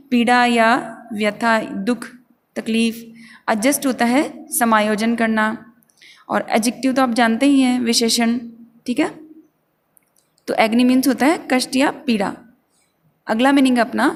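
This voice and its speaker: Woman teaching pronunciation, slow and patient. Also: a little high, long reverb tail. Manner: patient, repeats words slowly for students. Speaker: English teacher. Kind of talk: pronunciation lesson.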